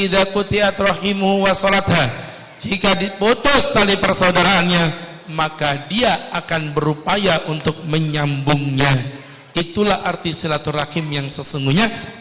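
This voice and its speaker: A male preacher giving a lively, joking Islamic sermon at a company event in a ballroom. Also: sits high. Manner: lively, joking, plays many voices. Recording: echoey ballroom through dull PA.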